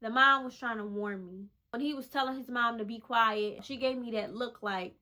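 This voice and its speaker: A woman's voice: fairly high pitch, moderate pace, sharp tone. A woman vlogger candidly telling a personal story in a conversational, emphatic way, repeating phrases for effect.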